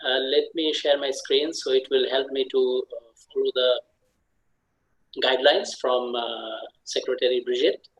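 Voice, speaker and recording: A man from Bangladesh introducing himself at an online club meeting, shy and halting, with many "uh" fillers. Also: mid-range voice, steady tone, rough recording. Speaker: club member giving a self-introduction. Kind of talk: hesitant online meeting talk. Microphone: video call.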